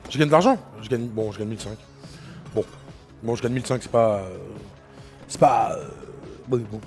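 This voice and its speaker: A rowdy, excitable man commentating live on his gambling stream, prone to loud repeated exclamations. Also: lowish voice, normal speed, soft background music. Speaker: casino game livestreamer.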